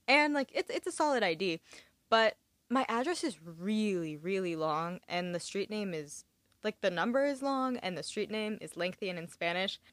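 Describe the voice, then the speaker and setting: A woman's voice: medium pitch, animated, normal speed, fairly bright tone, no echo. A young woman from California in her twenties hosting a casual chat, with chatty, dryly sarcastic asides.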